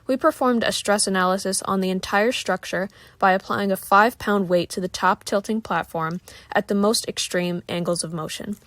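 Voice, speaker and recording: A woman's voice: mid-range voice, moderate pace, fairly bright tone, no echo. A young adult woman reading a scripted technical narration as a student presenter.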